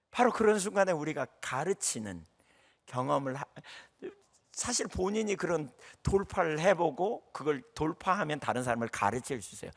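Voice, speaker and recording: Male pastor, middle-aged, sermon, animated storytelling, gravelly, fairly high voice.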